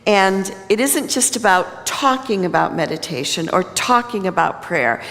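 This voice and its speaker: A woman minister delivers a conversational, plain-spoken sermon into a pulpit microphone in a church sanctuary, with the long reverb of a large hall. Her medium-pitched voice is animated and a bit bright, at a measured pace.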